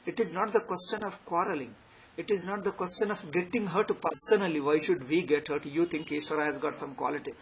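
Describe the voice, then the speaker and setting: Poor audio captures a spiritual teacher with a South Indian accent delivering an off-the-cuff philosophy lecture. Slightly high and a little fast, he speaks emphatically and repeats phrases for effect.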